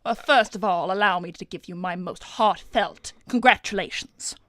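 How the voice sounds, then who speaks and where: A woman's voice: mid-range voice, normal speed, fairly bright tone, no echo, studio quality, lightly acted. Breezie, gushing glamorous hedgehog, played by a woman. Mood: flattering, coy. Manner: gushing, theatrical, formal phrasing. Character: Breezie, flirtatious, smooth-talking glamorous female cartoon hedgehog. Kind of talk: improvised in-character livestream role-play.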